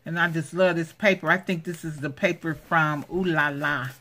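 A woman's voice: sits low, moderate pace, slight background noise. A woman hosting a craft unboxing vlog at home, gushing and exclaiming over each item. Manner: gushing, excitable, repeats exclamations. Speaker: craft channel host. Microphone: handheld camera.

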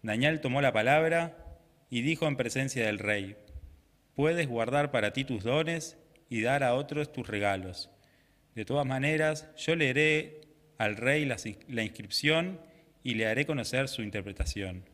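A young male lector reads scripture at a lectern microphone in a small chapel. His voice sits in an ordinary middle pitch, and he reads in a measured, solemn way. The room adds a long, ringing reverb. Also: a bit bright. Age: young adult. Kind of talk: liturgical scripture reading.

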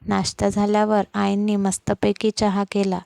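A woman narrating a family story in a steady, measured reading voice. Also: mid-range voice, gravelly, no room sound.

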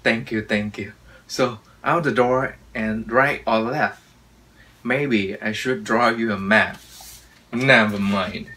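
A man plays a young man who badly needs a toilet and asks in a rush. He speaks slowly and deliberately in a lowish, bright voice, as in an English role-play. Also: steady tone, recorded from a distance. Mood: hurried. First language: Vietnamese.

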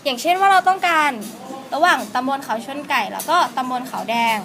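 A young woman, a student, demonstrating a procedure step by step, politely softening nearly every phrase with gentle particles. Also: high voice, lively intonation, a little fast, soft background music. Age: young adult. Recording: noisy amateur video recording.

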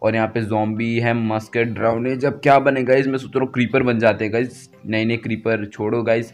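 A man talks through a game tutorial in a casual, chatty voice-over and thinks aloud as he picks options. His pitch sits in the middle. Faint music plays quietly under his voice. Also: steady tone, fairly quick. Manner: chatty, keeps saying "guys", thinks aloud while picking options. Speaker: gaming channel host. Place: home, voice-over recorded after gameplay.

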